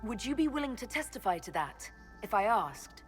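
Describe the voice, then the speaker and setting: A woman's voice: on the high side, sing-song, normal speed, soft background music. A woman playing a composed, authoritative female inquisitor in a video game, questioning and commanding, with long reverb on the voice. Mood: probing. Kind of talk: video game dialogue acting.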